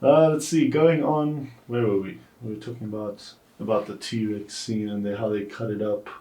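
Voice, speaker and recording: A man's voice: lowish voice, fairly even intonation, normal speed, mellow, a little hiss or hum. A man co-hosting a podcast, chatting casually about a film and thinking aloud with hedges. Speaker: podcast co-host. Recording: echoey room.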